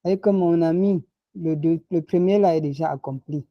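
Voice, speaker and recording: A man's voice: on the high side, moderate pace, dry recording, highs cut off. A man teaching a lesson, patiently explaining tones and repeating example words. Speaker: language teacher.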